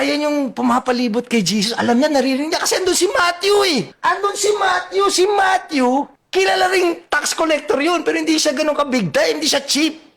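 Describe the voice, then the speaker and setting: A man retelling a Bible story as satire, animated and joking, with loud bursts, low mutters and asides. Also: gravelly. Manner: animated, joking asides, laughs mid-sentence. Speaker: satirical vlogger.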